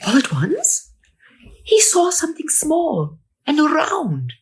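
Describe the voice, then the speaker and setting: A woman performs a children's storybook in a fairly high, highly animated voice. She reads slowly and theatrically, adding dramatic exclamations and hushed asides. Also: poor audio. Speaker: storybook reader.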